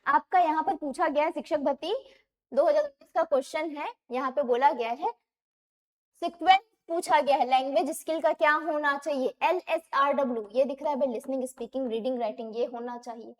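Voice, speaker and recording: High-voiced woman teaching exam prep. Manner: explains, repeats terms, asks and answers own questions; reads English questions slowly, then explains in Hindi.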